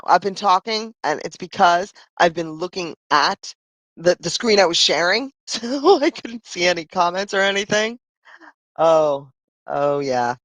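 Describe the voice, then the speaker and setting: A woman chats her way through a live stream in a rambling, lively voice that rises and falls a lot. She is losing her voice. The sound is dry and close to the mic. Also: on the low side, dry recording. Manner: chatty, rambling, frequent "I mean" and "right?". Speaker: livestream host. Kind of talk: casual live-stream chat.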